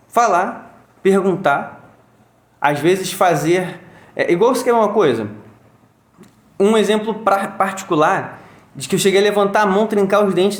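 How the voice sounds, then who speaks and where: A father telling a story in a casual conversation. He acts out sounds and quotes as he goes. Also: high voice. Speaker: guest, father. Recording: roomy echo.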